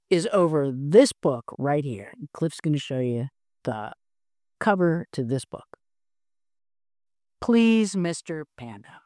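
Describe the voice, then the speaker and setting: A woman pastor preaching a sermon in an animated storytelling manner, with many restarts. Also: on the low side, no echo, clean studio sound.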